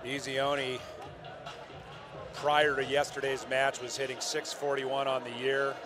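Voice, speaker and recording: Older man, play-by-play commentary, excitable, jokey, crowd noise behind. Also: mid-range voice. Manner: excitable, jokey, quick corrections. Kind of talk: sports commentary. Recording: broadcast commentary over loud arena crowd.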